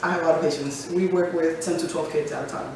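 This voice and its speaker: Talking fast in a deep, steady voice, the American podcast co-host in her forties keeps the chat casual, full of jokes and laughter. Background noise is present, and the mic sits far away in an echoey room.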